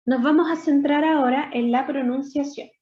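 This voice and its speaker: A woman English teacher, patiently explaining grammar step by step and slowly modeling English words in a recorded lesson. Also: high voice, fairly even intonation, warm tone. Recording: dull lo-fi voice recording.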